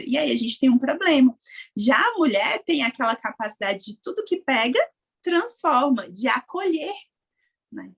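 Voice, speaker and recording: Husky high-voiced woman chatting. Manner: animated, explaining with quoted voices and frequent "né?". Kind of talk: casual conversation.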